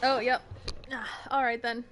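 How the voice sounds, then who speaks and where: A woman's voice: on the high side, little pitch movement, slow pace, background noise. A woman game streamer chatting casually and expressively while commenting on her live gameplay in an informal way.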